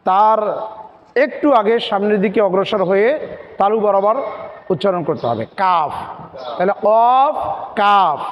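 Slow, patient man teaching letter sounds. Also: sits high, muffled recording, slight background noise. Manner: repeats sounds slowly for practice, asks rhetorical questions. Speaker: Quran recitation teacher. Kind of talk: step-by-step lesson.

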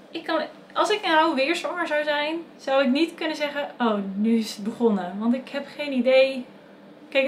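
A young Dutch-accented woman vlogs her birth story straight to the camera in a loose, casual way, full of fillers and self-corrections. Her voice is a little high, with slight noise in the background.

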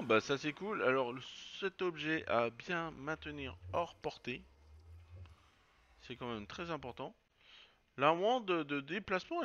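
A let's play gamer chats casually over his own game, swearing and musing aloud while he plays. His voice sits fairly high and a bit bright, though the audio sounds dull.

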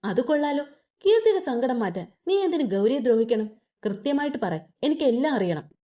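A furious young husband, bitter and demanding, his harsh, clipped threats voiced in a fairly high, lively tone by a woman reading an audio story. The sound is mellow and dull, like a lo-fi recording. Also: a little fast.

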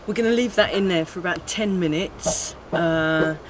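A woman's voice: lowish voice, normal speed, very noisy. A woman in her thirties chatting to camera in her back garden, squeamish and amused at herself. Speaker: vlogger. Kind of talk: casual to-camera vlog.

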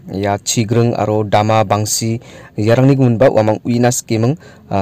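A man narrating his vlog in a calm, explanatory way. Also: fairly low pitch. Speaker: vlogger.

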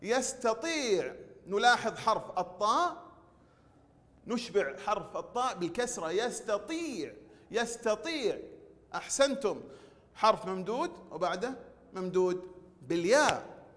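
High-voiced teacher in echoey hall. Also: male voice, expressive, a bit bright. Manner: slow drawn-out pronunciation drills with praise. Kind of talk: recorded online lesson. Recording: long hall reverb.

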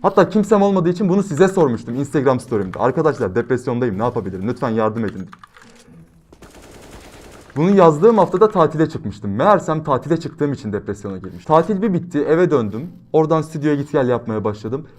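A young man talks over his own gameplay, brash and full of slang. His voice sits a little high and moves a lot, jumping from loud bursts to quiet reflection. Keyboard typing can be heard behind him. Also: big pitch swings, quick pace, few pauses. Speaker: gaming YouTuber. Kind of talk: gameplay commentary with motivational talk.

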